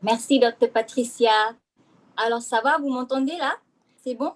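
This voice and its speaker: Higher-voiced woman teacher on a video call. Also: normal speed, a little hiss or hum. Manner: hesitant, many fillers and restarts. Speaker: French teacher presenting at an online forum. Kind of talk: online presentation.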